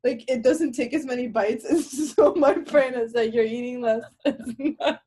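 A woman's voice: high-pitched, a little slow, mellow, slightly rough. A young woman with a slight lisp, co-hosting a casual podcast and chatting in a giggly, rambling way. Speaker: podcast co-host. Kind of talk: casual chat.

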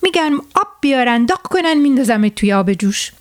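Woman voicing a greedy village landlord, angry, threatening, shouting, storybook villain, high-pitched. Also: animated.

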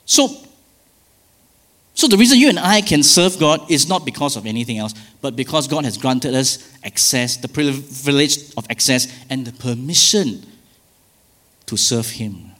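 A man's voice: medium pitch, unhurried, a bit bright. A male pastor preaching a sermon, emphatic, with rhetorical questions and asides.

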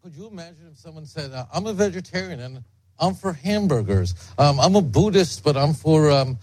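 A man's voice: fairly high pitch, expressive, brisk, darkish tone, low-quality recording. A rabbi speaking emphatically in a recorded clip, arguing his point. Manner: emphatic, argumentative.

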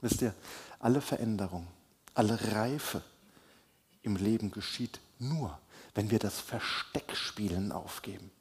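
Male pastor, sermon; husky, unhurried delivery that swells for emphasis and sinks to a hush. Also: on the low side. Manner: slow, deliberate delivery with emphatic rises and soft drops. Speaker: preacher.

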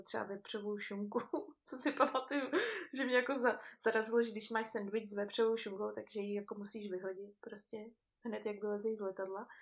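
A young woman telling a travel story in casual chat, with frequent laughs and lots of fillers. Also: on the high side. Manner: chatty, laughs often, many fillers. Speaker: guest.

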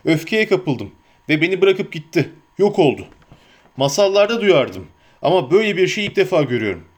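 A man voicing a troubled warrior who speaks slowly and hesitantly, weighed down by guilt. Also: on the high side, very animated. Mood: heavy. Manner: slow, hesitant.

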